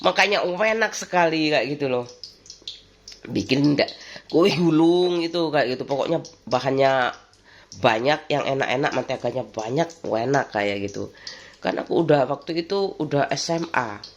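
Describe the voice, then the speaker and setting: A very deep, expressive voice at normal speed belongs to a lilting woman cooking at home for her own vlog. She wanders through memories, laughing often, with slight background noise in the recording.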